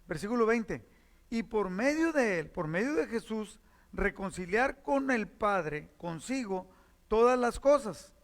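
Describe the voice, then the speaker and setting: Male pastor, high voice, teaching sermon with repeated phrases, long hall reverb. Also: big pitch swings, measured pace. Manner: teaching, explains verses and repeats key phrases.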